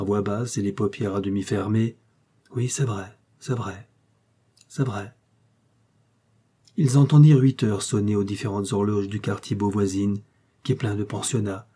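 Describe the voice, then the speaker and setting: A man reading a classic novel aloud in a measured, expressive way. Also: on the low side, breathy edge. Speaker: audiobook reader. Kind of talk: literary narration.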